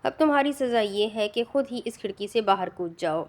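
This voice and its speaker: A woman's voice: mid-range voice, animated, natural voice. A woman voicing a ruthless young male avenger. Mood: harsh. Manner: harsh, commanding, contemptuous.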